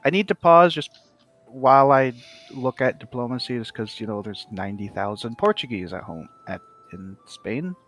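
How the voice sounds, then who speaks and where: A man's voice: medium pitch, expressive, normal speed, fairly bright tone, soft background music. A man chatting casually with other players during a multiplayer strategy game, thinking aloud and explaining the game's mechanics. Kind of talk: casual multiplayer gaming chat.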